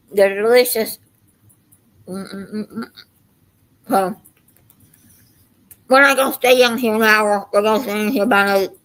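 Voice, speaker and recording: A woman's voice: mid-range voice, fairly bright tone, low-quality recording. An older woman with a Southern US accent, chatting casually to livestream viewers in a folksy, meandering storytelling way. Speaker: livestream host.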